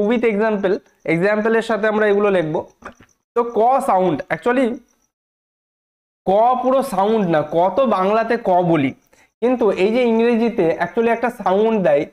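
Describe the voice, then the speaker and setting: A man teaching a spelling lesson, repeating points and asking the class questions. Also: high voice.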